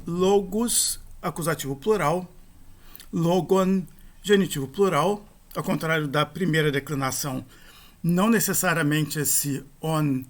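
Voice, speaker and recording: Man, grammar teacher, fairly high voice, methodical and step by step. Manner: methodical, spells out endings and accent rules. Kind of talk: recorded grammar lesson.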